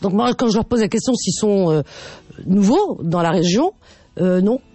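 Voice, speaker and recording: A woman hosting a radio show in casual, chatty banter, expressive and teasing, punctuating her talk with tag words. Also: mid-range voice, normal speed, no echo, faint music behind. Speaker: radio host. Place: radio studio.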